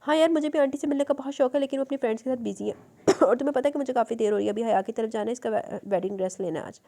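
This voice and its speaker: A woman's voice: a little high, very fast, lightly acted. A woman reading the part of a proud, short-tempered young woman who answers sharply. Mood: indignant. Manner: sharp, indignant.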